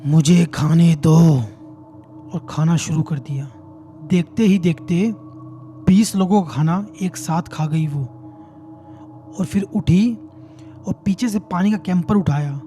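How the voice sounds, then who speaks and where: Brief: male horror storyteller, high pitch, mellow dark tone, faint music beneath. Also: measured pace, pauses often. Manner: dramatic, suspenseful.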